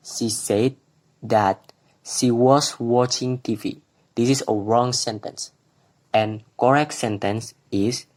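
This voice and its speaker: A young adult male student with an Indonesian accent presents his class slides in a mid-range, darkish voice. He reads them plainly but switches into Indonesian to explain, hesitating with fillers as he does.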